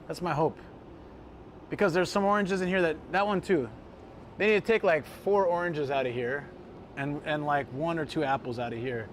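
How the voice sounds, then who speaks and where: A man hosting a casual live stream, chatting to viewers in an animated, exclamatory way and repeating phrases for emphasis. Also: on the high side, moderate pace, a little hiss or hum. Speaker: livestream host. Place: outdoors by street vending machines in a city.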